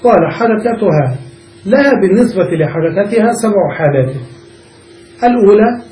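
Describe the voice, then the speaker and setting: High-voiced man teaching grammar from far off. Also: animated, normal speed, dark tone. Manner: checks understanding with the class, repeats and restates points. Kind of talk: classroom lesson explaining a grammar text. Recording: roomy, distant mic, faint background noise.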